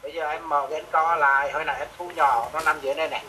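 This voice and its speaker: A man, a music teacher, walking a student through notation software step by step, repeating each instruction patiently. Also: a little high, steady tone, very fast, crowd noise, rough recording. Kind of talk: remote software lesson.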